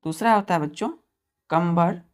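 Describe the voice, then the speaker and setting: A woman teacher with a lowish voice gives a vocabulary lesson at a normal speed. She spells words letter by letter and addresses her students as children. She asks them questions and then answers them herself.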